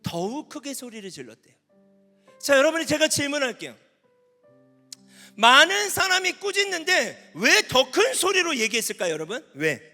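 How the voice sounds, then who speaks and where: A man preaching at a youth camp as pastor, animated, asking the audience questions and at times shouting. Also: extremely high pitch, normal speed. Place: large hall at a youth camp. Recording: long hall reverb with faint instrument music.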